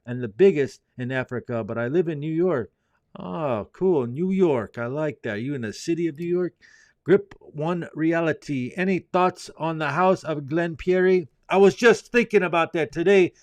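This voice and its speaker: A man from Indianapolis hosts a fragrance livestream, reading viewers' comments out loud and replying in an easygoing, rambling, chatty way. His voice sits on the high side, and there's no room sound.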